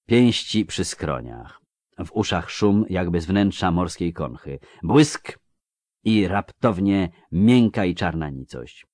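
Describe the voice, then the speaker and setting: Guy with a really low voice reading a fantasy audiobook, dry close sound. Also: darkish tone, no echo. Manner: measured, dramatic reading. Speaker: audiobook narrator. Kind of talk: scripted literary narration.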